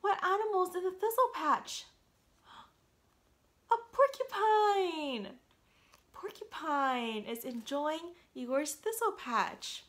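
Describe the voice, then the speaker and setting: A woman in her thirties with a very high voice reads a picture book aloud slowly, pausing often. She's animated and keeps asking young children questions, addressing the child directly, in a small, quiet room at home.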